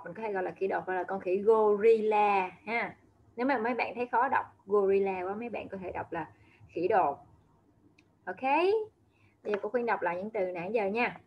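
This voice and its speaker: A woman's voice: medium pitch, a little mellow, highs cut off, slight background noise. A woman teaching English words to young children, patiently repeating and spelling each word letter by letter. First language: Vietnamese. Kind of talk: slow vocabulary lesson, words repeated aloud.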